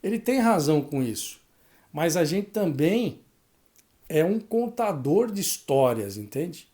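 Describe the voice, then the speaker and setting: A man's voice: a little high, very animated, measured pace, warm tone. A man from Brazil, a sports narration teacher, giving a casual spoken lesson and checking in with the listener through frequent tag questions.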